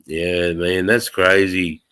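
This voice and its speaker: A man's voice: low voice, flat delivery, slow pace, sharp tone, clear, resonant tone. An Australian man hosting a casual livestream, chatting in a blokey, slangy way with plenty of swearing. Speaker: livestream host.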